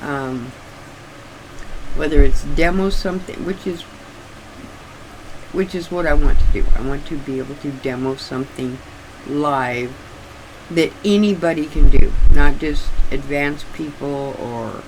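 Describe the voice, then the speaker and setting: An older woman chatting casually and haltingly, with slightly restricted articulation, as if her sore jaw won't open wide. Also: deep voice, steady tone, noisy background. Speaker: craft vlogger. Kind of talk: casual rambling chat.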